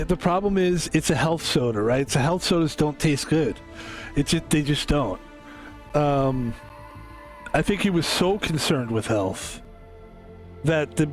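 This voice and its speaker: A young man from Philadelphia streaming a game, chatting casually and rambling through stories with many restarts. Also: on the high side. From Philadelphia, USA. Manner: rambling, self-interrupting storyteller.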